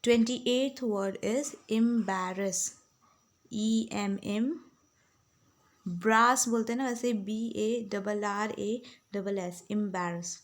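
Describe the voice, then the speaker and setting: A woman tutor runs a spelling lesson at a slow, unhurried pace. She dictates each word clearly and then spells it out letter by letter. Her explanations switch between English and Hindi. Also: a little high, fairly even intonation. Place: home room with some background sounds.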